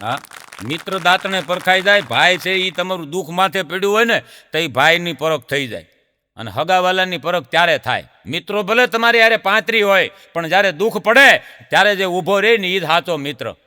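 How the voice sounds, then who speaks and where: A man with a high voice and a Gujarati accent performs brisk stand-up folk comedy, telling jokes and stories in a big-sounding room. He's a lively folk storyteller who keeps addressing his audience as "sir."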